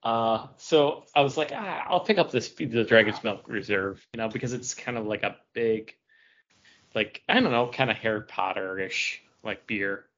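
A podcast host keeps things casual and chatty, his lowish voice moving at a moderate pace with a fairly bright tone. The audio is dull and lo-fi.

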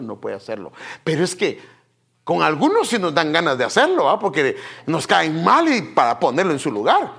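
Husky-voiced preacher with a lively, swinging pitch. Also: male voice. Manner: swings between hushed asides and loud emphatic bursts; addresses the congregation directly, repeating "fíjese" and "hermano". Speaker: pastor. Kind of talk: sermon.

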